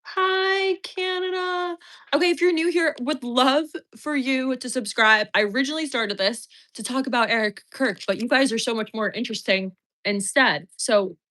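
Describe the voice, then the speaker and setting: Woman chatting on her home livestream, bright voice, rambling, thanks viewers for super chats. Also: normal speed, few pauses. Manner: baby talk to her dog in a high voice. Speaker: host of a livestream show. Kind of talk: casual livestream chat with viewers.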